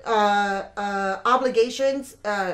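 Slightly high-voiced woman on a talk panel. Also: fairly even intonation, a bit bright. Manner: switches quickly between English and another language. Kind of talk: casual panel discussion.

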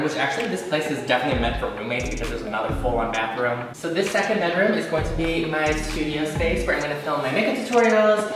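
Bubbly young man in an echoey room. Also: on the high side. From Washington State, US. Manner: bubbly, gushing, sassy exclamations. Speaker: beauty vlogger. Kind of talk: casual vlog apartment tour. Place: large empty apartment indoors. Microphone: handheld camera at arm's length and far camera. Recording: very echoey empty room, distant mic, music behind.

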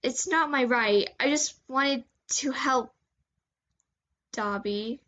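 A woman's voice: high-pitched, slow, bright, forceful tone, full character voice. A woman voicing a nervous young bystander who stammers with a shaky voice.

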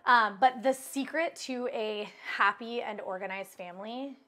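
Giving a casual home tour of bright interior rooms, an interior designer in her thirties speaks upbeat and relaxed, laughing frequently. Her voice is on the high side, bright and pushed, and she takes her time.

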